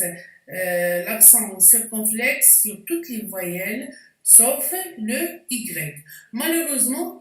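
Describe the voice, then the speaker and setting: A woman's voice: fairly high pitch, reverberant, far from the mic, rough recording. A woman teacher giving a spelling lesson, explaining step by step with frequent hesitations. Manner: slow, deliberate explanations with hesitations.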